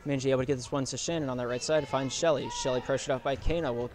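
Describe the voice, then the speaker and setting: Young man, basketball play-by-play commentator, rapid play calling, loud bursts on scores. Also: medium pitch, steady tone. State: out of breath.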